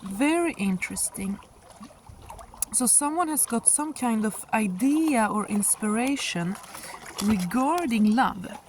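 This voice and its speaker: A woman giving a casual, musing tarot reading outdoors by the water, halting at times and drawing out some words. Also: a little high, expressive. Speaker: tarot reader and host. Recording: outdoor recording with water noise. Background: sound of moving water.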